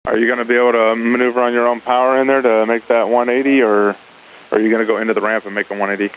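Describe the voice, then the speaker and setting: A man's voice: mid-range voice, level tone, fast. A male air traffic controller giving instructions over radio in a conversational, repetitive way. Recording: phone-like narrow radio with faint hiss.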